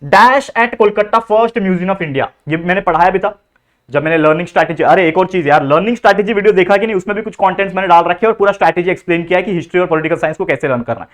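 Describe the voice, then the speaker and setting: Young male tutor, high-pitched, chatty, drills answers by repetition. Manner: chatty, repeats answers for memorizing. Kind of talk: casual exam-prep lesson.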